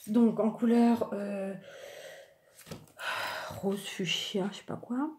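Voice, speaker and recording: A woman showing off a shopping haul in casual chat, thinking aloud and often trailing off softly. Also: medium pitch, steady tone, slow pace. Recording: echoey room with loud background noise.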